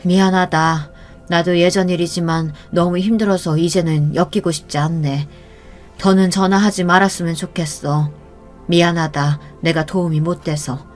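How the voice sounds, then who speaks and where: A woman voicing a tired older mother-in-law who talks quietly and apologetically. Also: lowish voice, steady tone, moderate pace, faint music behind, lightly acted. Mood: weary.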